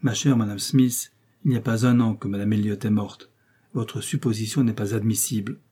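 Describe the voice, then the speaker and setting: Un homme qui fait parler une jeune femme réservée et douce mais ferme, dans un livre audio. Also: male voice, fairly low pitch, steady tone, moderate pace, warm tone, slightly rough. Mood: earnest, reserved. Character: reserved young woman, gentle, quietly firm.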